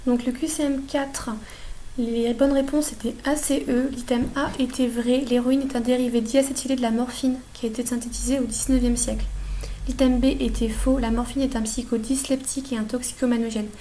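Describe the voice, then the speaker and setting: A woman's voice: fairly high pitch, little pitch movement, brisk, dark tone, slight background noise. A young woman with a French accent correcting exam questions as a student tutor, explaining steadily with memory tricks. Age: young adult.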